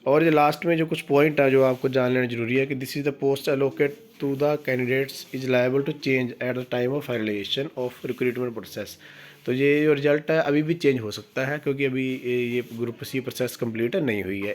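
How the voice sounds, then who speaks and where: A man hosting an exam news channel, reading official notices aloud slowly and explaining them in a casual way to viewers he calls friends. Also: medium pitch, fairly even intonation. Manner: reads English notice text slowly, then explains it in Hindi; addresses viewers as friends, asks for comments.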